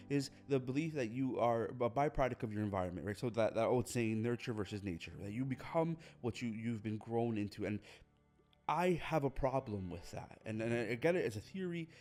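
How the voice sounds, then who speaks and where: A young man runs his own podcast, offering an earnest, motivational monologue in which phrases get repeated and restarted frequently. His voice sits in the middle range and is slightly mellow.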